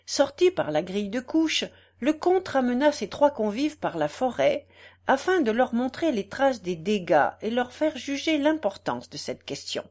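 A woman narrating a classic novel aloud as an audiobook, in an expressive, measured reading. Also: a little high.

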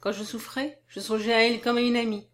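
A woman's voice: a little high, little pitch movement, quick pace, fairly bright tone, lightly acted. A woman reading an audiobook, voicing an earnest young woman who speaks in a raised, anxious and indignant way. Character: young woman, earnest, easily startled and flustered. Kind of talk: audiobook character voice.

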